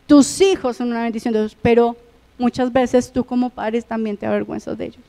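A Colombian woman with a high-pitched voice preaches with passion. Her delivery rises to loud, emphatic phrases and then drops to near-hushed tones. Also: fairly even intonation, a little fast, creaky, long reverb tail. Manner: impassioned, swinging between loud emphatic phrases and hushed ones. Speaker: pastor. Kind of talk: sermon.

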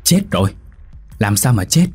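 A man's voice: lowish voice, lively intonation, normal speed, a little mellow, husky, soft background music. A man voicing a tired old village frog catcher who asks anxious questions. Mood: alarmed.

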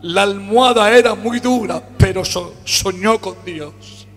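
A man with a Spanish accent preaching a fervent sermon in a church, swinging from low murmurs to shouts. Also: measured pace. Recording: church hall reverb with faint music.

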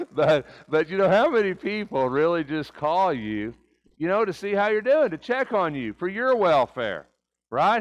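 A man's voice: medium pitch, dull audio. Older man, preacher, conversational sermon, rhetorical questions, church sanctuary.

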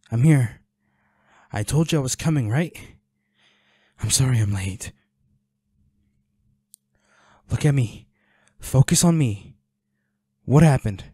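In a clean studio recording with no echo, a man with a dark, slightly rough, medium-pitched voice plays a protective, worried boyfriend in an intimate audio roleplay. Tending his injured werewolf partner, he sounds pleading, soothing and urgent.

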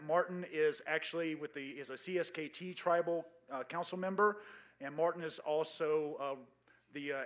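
A man acting as conference emcee, introducing a panel in a halting, chatty way with many fillers. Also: on the high side, a bit bright. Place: conference hall stage.

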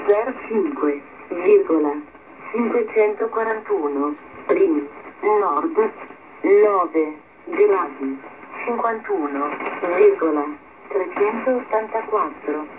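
A woman reads a scripted nautical safety broadcast over shortwave radio in a halting, word-by-word automated manner. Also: fairly low pitch. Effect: shortwave radio transmission. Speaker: coastal radio announcer. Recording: noisy narrow-band shortwave radio reception.

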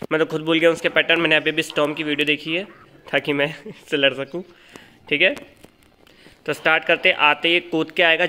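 A man giving excited live commentary as he calls out a boss's moves and talks to his character. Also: on the high side, smooth. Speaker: gaming channel host.

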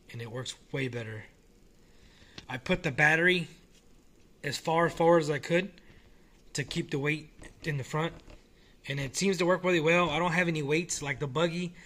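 A man casually talking through a hobby model car while filming it one-handed at home, relaxed and rambling with frequent restarts. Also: on the high side. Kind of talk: casual off-the-cuff vlog. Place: small indoor room at home.

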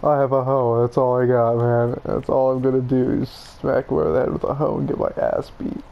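A woman's voice: extremely low pitch, little pitch movement, fairly quick, gravelly, dull audio, slight background noise. A woman playing a survival game with a friend, shrieking, swearing and laughing through her fear, tearful from screaming. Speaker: gamer streaming with a friend. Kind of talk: panicked co-op gameplay chat.

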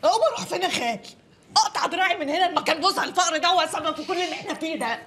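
A woman's voice: very high-pitched, lively intonation, racing, a bit bright, heavily acted. An actress playing a distraught working-class woman who laments and reproaches in an Egyptian accent. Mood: lamenting. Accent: Egyptian Arabic. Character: distraught working-class woman fretting over her man. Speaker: grieving relative.

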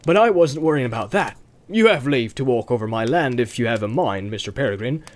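A man voicing a gruff, hearty hobbit farmer in a storybook reading, with a growl and rustic, folksy talk. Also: mid-range voice, expressive, fairly quick, lightly acted. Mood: shrewd, genial. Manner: rustic, folksy turns of phrase. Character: gruff, hearty, thick-set hobbit farmer, suspicious but welcoming.

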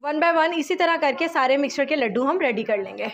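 A woman calmly talking through a home cooking recipe step by step, as a voice-over. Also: high-pitched, a little fast, muffled recording. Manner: calm step-by-step instructions mixing English words. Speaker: home cooking channel host.

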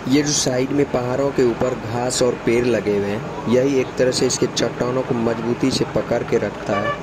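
Male travel vlogger, mid-range voice, narrating from a bus on a mountain road, clear rumble of traffic underneath. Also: fairly even intonation, moderate pace. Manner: chatty, enthusiastic about scenery, addresses viewers. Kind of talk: casual travel vlog narration. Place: inside a moving bus on a foggy mountain road. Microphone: handheld camera by the bus window. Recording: clear vehicle noise behind. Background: bus engine and road noise.

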